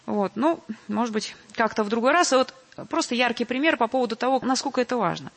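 Measured woman lecturing in an echoing hall. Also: a little high, lively intonation, gravelly. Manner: measured, deliberate, reads quotations aloud. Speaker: lecturer on church choir singing.

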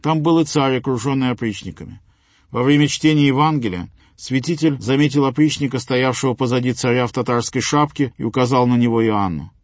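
A man giving a scripted narration of a saint's life, in a measured, solemn reading voice. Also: medium pitch, no room sound.

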